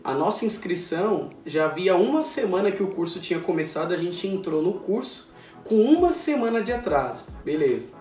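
A Brazilian man in his twenties telling a self-mocking anecdote in a casual, animated way, full of slang. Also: high-pitched, brisk. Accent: Brazilian Portuguese. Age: 20s. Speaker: vlogger. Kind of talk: casual storytelling. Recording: roomy echo, distant mic, faint music.

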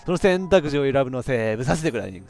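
A man with a giving excitable let's play commentary on a horror game, reacting loudly and laughing often. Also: mid-range voice, quick pace, faint music behind. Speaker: VTuber game streamer.

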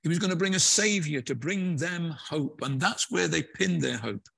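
A man's voice: fairly high pitch, animated, moderate pace, vocal fry, a bit bright, husky, no echo. A man preaching a conversational sermon in a church, with hesitant fillers and restarts. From England.

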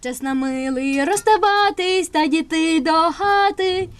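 Woman as a high-voiced, coy village sweetheart. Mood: coy, tender. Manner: slow, drawn-out, rhymed. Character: coy young village sweetheart singing or reciting courtship verse. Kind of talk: folk puppet theatre verse.

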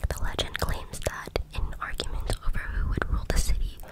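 A person from Cambodia whispering ASMR trivia up close through cupped hands, right at the microphone. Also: brisk. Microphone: very close to the mic, hands cupped.

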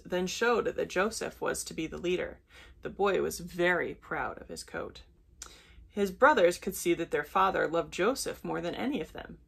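At bedtime, a woman gently and unhurriedly reads a children's Bible story aloud, briefly correcting herself now and then. Her voice is fairly low, creaky and husky.

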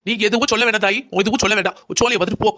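A woman's voice: mid-range voice, steady tone, rapid-fire, a bit bright, close to an everyday voice. A woman voicing an anxious older mother-in-law in a cartoon drama, pleading, lamenting and scolding by turns.

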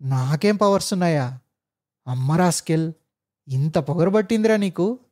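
A man voicing an arrogant, hot-tempered engineer boss who barks and shouts with scorn. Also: on the high side, moderate pace, lightly acted. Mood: furious.

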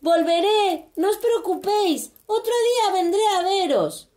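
A woman's voice: sits high, very animated, slow, a little mellow, reverberant, pitched above the performer's own voice, full character voice. A woman from voicing a defiant, bossy little boy in a storybook reading. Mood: cheerful. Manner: bossy, spirited. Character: defiant little boy who becomes king of the monsters.

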